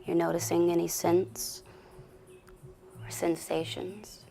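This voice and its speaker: Over background music, a woman leads a calm, unhurried guided meditation full of long pauses. Her gravelly, lowish voice stays flat in delivery and frequently fades toward a whisper.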